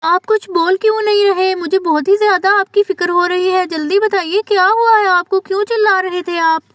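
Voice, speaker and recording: A woman's voice: extremely high pitch, steady tone, normal speed, fairly bright tone, dry recording, clean studio sound. A woman voicing a young village wife in a doll story, fussing and reassuring her sick husband. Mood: worried. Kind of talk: doll story role-play.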